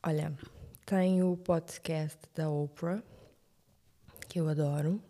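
A young woman from Verde, speaking as a guest in a relaxed, reflective podcast interview. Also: low-pitched, takes it slowly. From Cape Verde. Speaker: guest, TV presenter.

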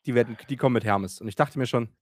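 Animated ranting man, dry close sound. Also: medium pitch, rapid-fire, no echo. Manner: animated, rants and acts out quotes; swears casually, many fillers. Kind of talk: casual chat, storytelling.

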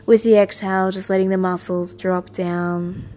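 A woman's voice: mid-range voice, little pitch movement, moderate pace. Woman guiding a soothing meditation, noisy background. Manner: soothing, gentle, lulling, with repeated soft instructions. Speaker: meditation teacher, host of a daily guided meditation. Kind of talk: guided meditation narration.

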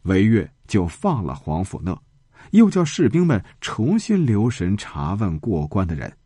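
A man narrating a children's storytelling podcast in an animated way, with close, dry sound. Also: measured pace, breathy edge, no echo. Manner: animated, sweeping pitch.

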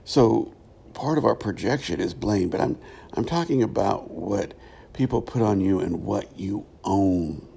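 A middle-aged man reflects aloud in a solo podcast. His voice is dark and gravelly, and he speaks slowly and thoughtfully with many pauses. There is faint noise in the background. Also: fairly low pitch, expressive. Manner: thoughtful, halting, pausing often. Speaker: podcast host, former pastor.

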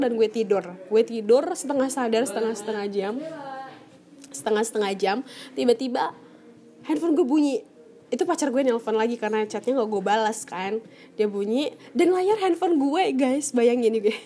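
A woman's voice: a little high, darkish tone. A young woman from Indonesia, hosting a podcast and telling a personal story in casual talk, speaking chattily and laughing often while addressing her listeners. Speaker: podcast host.

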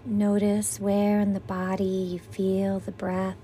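Slow, mellow woman guiding a meditation. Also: medium pitch, monotone, a little hiss or hum. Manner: soothing, gentle, breathy exhales on breathing cues. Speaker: guided meditation teacher. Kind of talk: guided meditation narration, like a sleep story narrator.

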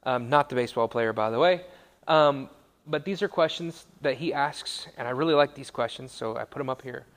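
A man's voice: medium pitch, moderate pace. Man preaching in a reverberant hall. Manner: conversational, self-correcting, warm asides. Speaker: college pastor. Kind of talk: casual sermon to students.

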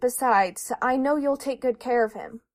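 A woman playing a firm but soft-hearted mother who talks in a practical way, a bit high. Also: moderate pace, natural voice.

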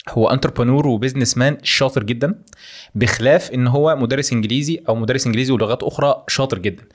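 A man with an Egyptian Arabic accent hosting a conversational podcast interview, dropping English words into his speech. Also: medium pitch. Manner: code-switches into English words.

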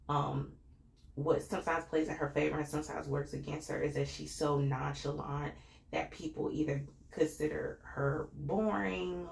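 Low raspy-gravelly woman gabbing about tv on her podcast, slangy, lots of um and like, echoey room. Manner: chatty and slangy, with many fillers. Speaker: podcast host reviewing a reality show. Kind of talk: casual chat.

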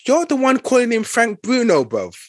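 A man's voice: extremely high pitch, wildly swooping pitch, normal speed, no room sound, studio quality. A man with a London accent in a casual debate, insistently repeating himself to hold the floor. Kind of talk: casual debate among friends.

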